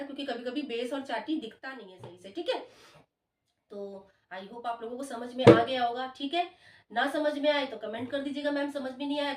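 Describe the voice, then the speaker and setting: A woman's voice: sits high, slight background noise. A woman teaching dholak in an encouraging, friendly way, counting the beats aloud as she plays. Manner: warm, encouraging, coaxing. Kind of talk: friendly music lesson. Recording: roomy, distant, dull sound with dholak drumming.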